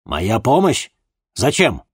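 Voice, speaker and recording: A man's voice: medium pitch, wildly swooping pitch, takes it slowly, slightly rough, full character voice. A man voicing a suspicious, stubborn older father who grumbles and distrusts.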